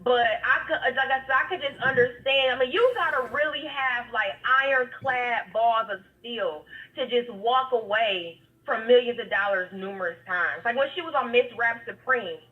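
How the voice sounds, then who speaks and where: A woman's voice: fairly high pitch, normal speed, hardly any pauses. A talkative woman calling in to a talk show over the phone, chatting casually in informal, slangy speech. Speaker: caller to an online talk show. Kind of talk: casual chat. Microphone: phone call. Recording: muffled, distant phone-call sound.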